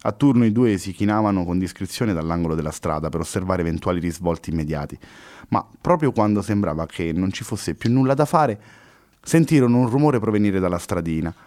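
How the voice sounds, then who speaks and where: Low-voiced male storybook narrator. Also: animated, brisk, darkish tone. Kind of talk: audiobook story reading.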